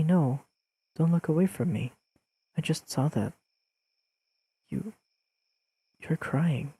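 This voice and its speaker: In an intimate audio roleplay, a man voices an earnest, awkwardly analytical young best friend who addresses the listener haltingly and carefully. He sounds softly pleading, his wording slightly formal, his medium-pitched voice a bit rough in a dry recording.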